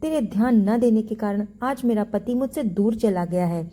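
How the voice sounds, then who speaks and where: A woman storyteller voicing a sharp-tongued young wife who scorns worship, speaking in a scolding, dismissive way. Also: mid-range voice, moderate pace, natural voice. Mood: accusing.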